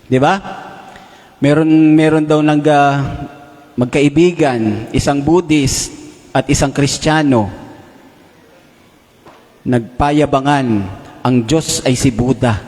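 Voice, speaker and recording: A man's voice: a little high, takes it slowly, pauses often, darkish tone. A male preacher giving a sermon, addressing his listeners as brothers and sisters and posing rhetorical questions. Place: large worship hall. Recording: long reverb of a big hall.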